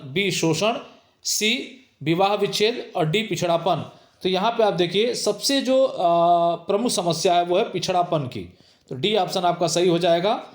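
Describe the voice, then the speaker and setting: A man's voice: sits high, reverberant. A middle-aged male sociology teacher giving an exam-prep lecture, reading each multiple-choice question twice before stating the answer. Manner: reads each question twice, then gives the answer with emphatic repetition.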